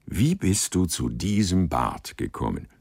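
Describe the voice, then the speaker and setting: A man's voice: sits low, big pitch swings, measured pace, vocal fry, a little mellow, husky, no room sound, exaggerated voice. A man voicing a genial, condescending aristocratic governor in a read-aloud story. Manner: friendly, enthusiastic, patronizing.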